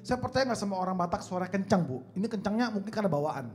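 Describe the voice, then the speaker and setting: A man's voice: high-pitched, lively intonation, fast talker, darkish tone, a little hiss or hum. A man who coaches singing, giving a humorous talk at church and telling stories as he addresses the crowd. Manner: joking storyteller who addresses the crowd as "Saudara". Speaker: guest speaker, singing coach. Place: church hall.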